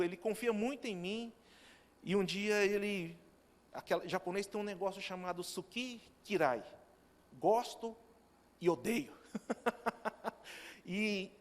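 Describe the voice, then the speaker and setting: A male pastor giving a sermon in a church, telling stories with quoted dialogue. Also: sits high. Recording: long reverb of a church hall.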